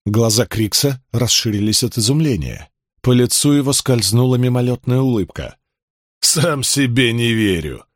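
A man narrating a historical audiobook in a steady, measured way. His voice sits at a middle pitch. The recording is dry and close. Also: no room sound. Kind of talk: scripted narration.

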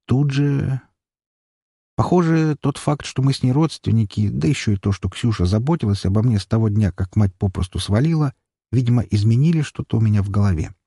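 A man's voice: mid-range voice, a little fast, mellow, husky, dry recording, clean studio sound. A man reading a first-person audiobook in a wry, sardonic storytelling manner. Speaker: audiobook narrator.

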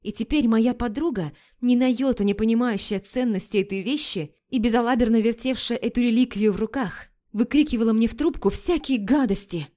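A woman reading a first-person story aloud in a measured, expressive storytelling manner. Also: on the high side. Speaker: audiobook narrator. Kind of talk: first-person scripted narration.

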